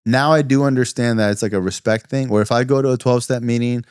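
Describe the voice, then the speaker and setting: A man's voice: mid-range voice, fast, darkish tone, smooth, no room sound, clean studio sound. A man from South Florida, a guest on a podcast, talking loosely in casual conversation with lots of fillers and asides. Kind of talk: casual interview talk.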